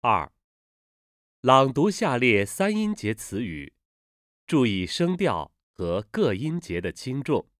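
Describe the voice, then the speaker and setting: A man's voice: medium pitch, very animated, a bit bright, no room sound, clean studio sound. A man reading a language lesson's pronunciation drills and short texts, enunciating each syllable carefully. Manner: deliberate, carefully enunciated word by word. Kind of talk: slow textbook drill reading.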